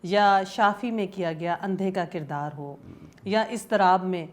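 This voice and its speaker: A woman hosting a talk show, asking admiring, encouraging questions. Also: mid-range voice. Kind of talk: interview.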